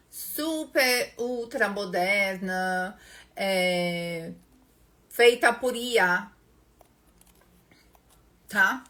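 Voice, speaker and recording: A woman's voice: a little high, bright, forceful tone. A young Brazilian woman hosting a casual live-stream lesson, chatting with viewers by name as she explains an exam. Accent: Brazilian Portuguese. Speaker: English teacher and live-stream host.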